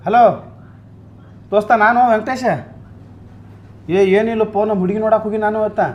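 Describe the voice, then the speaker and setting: A man with a North Karnataka Kannada accent acting in a comic sketch, talking in a fast, panicky way. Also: high-pitched, flat delivery, muffled recording. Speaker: comedian.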